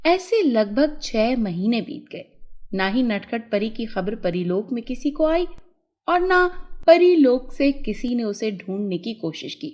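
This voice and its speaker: A woman narrating a children's fairy tale in scripted storybook style. Her voice is high and swings widely in pitch. She reads slowly with a mellow, soft tone. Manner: slow, expressive storybook reading.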